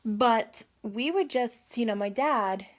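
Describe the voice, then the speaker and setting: A woman's voice: a little high, slow, a crowd in the background. Woman rambling through a storytime vlog. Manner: rambling, self-correcting storytelling. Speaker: vlogger. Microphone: phone camera.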